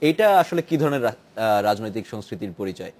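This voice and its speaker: A man's voice: fairly low pitch, big pitch swings, a little fast, a little mellow. A man hosting a political talk show, putting questions with small hesitations. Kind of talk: hosting studio discussion.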